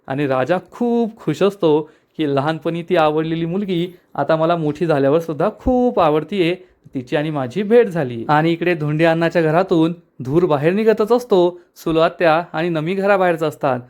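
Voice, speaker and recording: A man walks through the plot of a serial episode in quick storytelling, addressing his viewers as friends. His voice is slightly high for a man and stays steady and clear as he moves from scene to scene. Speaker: serial recap narrator. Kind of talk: TV episode recap narration.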